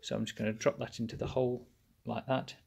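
A man's voice: medium pitch, level tone, quick pace, gravelly, a little mellow, slightly rough. A man narrating a workshop how-to, explaining each step plainly while he works at a bench. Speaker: engine rebuilder.

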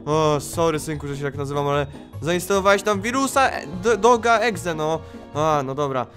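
A young man playing a father in a game role-play, narrating dramatically and swinging between scared mutters and shouts. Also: a little high, expressive, normal speed, soft background music.

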